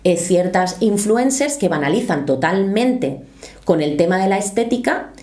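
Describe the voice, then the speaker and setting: Reading quotes aloud in a small home studio, a woman who comments on YouTube speaks earnestly and explanatorily to camera, using her hands as she talks. Her mid-range voice is expressive, unhurried and darkish in tone.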